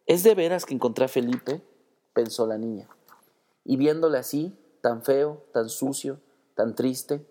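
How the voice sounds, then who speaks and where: Mellow-voiced man reading a story. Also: medium pitch. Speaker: narrator.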